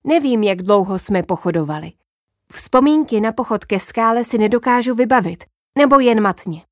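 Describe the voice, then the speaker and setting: A woman narrating a first-person story in a lively, expressive way. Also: fairly high pitch, no room sound, studio quality.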